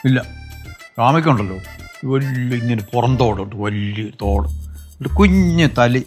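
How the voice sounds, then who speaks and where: A man's voice: mid-range voice, expressive, measured pace, darkish tone, soft background music, close to an everyday voice. An actor playing an old grandfather in a family sitcom, a patient storyteller who teases the children and turns firm when he scolds his wife. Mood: coaxing. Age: older. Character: genial old grandfather, teasing and steady. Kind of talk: sitcom acting.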